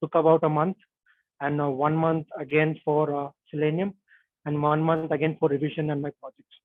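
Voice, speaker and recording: Over a poor video-call link that narrows his audio to a thin, phone-like quality, a guest who works as a software tester answers hesitantly and in a monotone. He leans on "like" and "uh" to fill pauses. His slightly high voice sounds dry and close, without echo.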